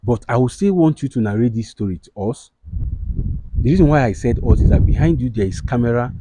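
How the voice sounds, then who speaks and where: Deep-toned man hosting. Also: lively intonation, a little fast, mellow, a little hiss or hum. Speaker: host. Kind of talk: measured interview hosting.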